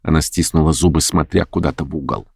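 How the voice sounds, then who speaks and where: A man narrating a classic novel in a measured, steady storytelling manner. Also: very deep voice, vocal fry, slightly rough, no room sound, studio quality. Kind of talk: audiobook reading of a classic novel.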